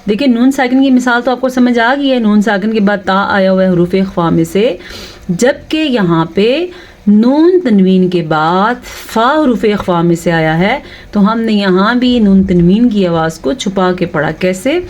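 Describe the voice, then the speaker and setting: A woman teaching Quran recitation with tajweed rules, patiently explaining and then reciting words slowly and drawn out, often checking with the listener. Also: mid-range voice, animated, a little mellow. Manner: asks the listener rhetorical check questions.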